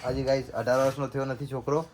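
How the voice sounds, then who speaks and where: Chatty shopkeeper vlogging. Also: male voice, mid-range voice, little pitch movement, quick pace, very noisy. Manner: chatty, keeps addressing viewers as guys. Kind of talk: casual vlog commentary. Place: small shop and storeroom.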